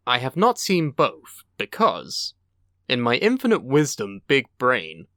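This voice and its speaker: Sarcastic man, lively swearing banter. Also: medium pitch, slow pace, no room sound, clean studio sound. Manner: sarcastic, swears a lot, mock-dramatic rants. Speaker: podcast co-host. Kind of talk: casual banter.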